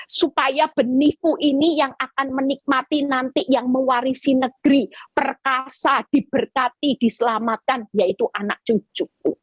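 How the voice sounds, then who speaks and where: A woman evangelist preaches a sermon over a video call, her voice high and a little husky. She talks emphatically and repeats key phrases. The sound is dry and close, with little room echo. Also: highs cut off. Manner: emphatic, repeats phrases, acts out quoted cries.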